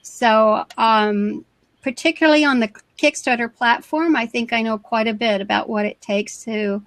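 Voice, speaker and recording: A woman's voice: on the high side, fairly even intonation, normal speed, fairly bright tone, no echo. A woman with a background in crowdfunding and venture capital, speaking hesitantly with many fillers on a video call. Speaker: crowdfunding consultant. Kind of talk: casual video-call chat.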